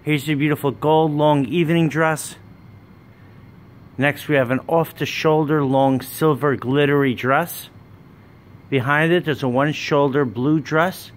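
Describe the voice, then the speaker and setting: A man, running a wholesale business, giving a plain walkthrough sales pitch in a warehouse, listing items one by one while filming on a handheld phone. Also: steady tone, measured pace. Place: indoor warehouse with dress racks. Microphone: handheld phone camera, speaker off screen.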